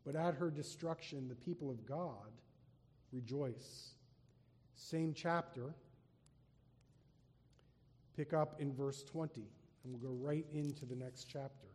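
A man preaching a sermon, reading scripture aloud with rising emphasis and slowing down on key phrases. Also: medium pitch, a little mellow, husky, in a large hall. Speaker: pastor.

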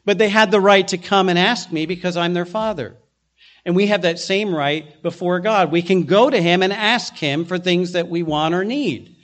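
A man in middle age delivers a sermon with a noticeably high pitch for a man. He explains his text earnestly and patiently, often stopping to restart a phrase before pressing on. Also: normal speed, a bit bright. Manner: earnest expository preaching with frequent restarts. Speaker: pastor.

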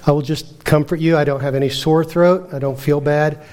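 A middle-aged man with a creaky voice, teaching and praying in a sermon in an earnest, measured way. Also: a little high, fairly even intonation, a little mellow. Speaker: preacher.

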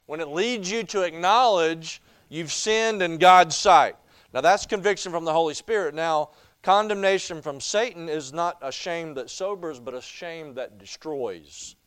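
A man's voice: on the high side, dry recording. A man teaching a church Bible study, telling stories in a folksy way. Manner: folksy storytelling. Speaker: pastor.

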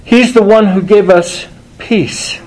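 A man preaching a sermon to a congregation, deliberate and emphatic, often restarting phrases and stressing single words. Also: sits high, fairly even intonation, a little mellow, rough recording. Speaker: pastor.

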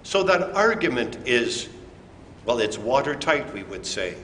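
Slow, deliberate preacher in an echoey church. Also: male voice, medium pitch, sing-song, fairly bright tone. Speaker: pastor. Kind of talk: communion sermon. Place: church sanctuary. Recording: echoey church hall with faint room noise.

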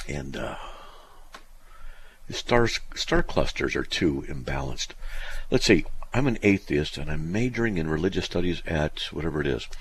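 A man's voice: low-pitched, breathy edge. A man hosting a radio call-in show, reading listener mail aloud and answering it with sarcastic, exasperated commentary.

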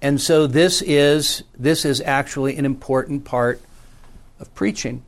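A man's voice: measured pace, vocal fry. A middle-aged man, a pastor, teaching a small class about preaching in a meeting room, talking conversationally and often checking in with the group. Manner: conversational, checks in with frequent "okay?" and "right?"; varies pitch and pace for emphasis.

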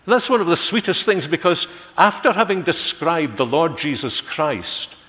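A man preaching a sermon in a measured way, letting his phrases fall away quietly at their ends. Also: a little high, sing-song. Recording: long hall reverb.

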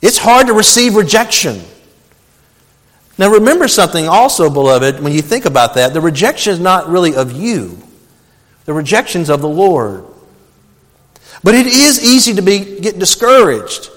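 A man's voice: high voice, big pitch swings, moderate pace, fairly bright tone, in a large hall. A male pastor preaching a sermon, telling a personal story earnestly and calling his listeners beloved.

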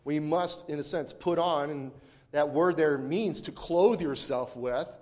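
A man's voice: fairly high pitch, measured pace, darkish tone, in a large hall. A man teaching a Bible lesson, reading verses aloud and explaining them with emphatic repetition and frequent self-corrections. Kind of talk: scripture lesson.

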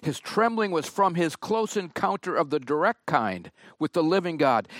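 A man preaching a sermon, reading and explaining scripture in a slow, emphatic way. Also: fairly high pitch, fairly bright tone, no room sound, studio quality. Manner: slow, emphatic Bible exposition.

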